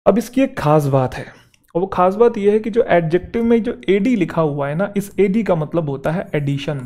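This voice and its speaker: A man teaches a grammar class. His voice sits a little high but sounds warm and mellow. He keeps stopping to ask the students quick questions. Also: expressive.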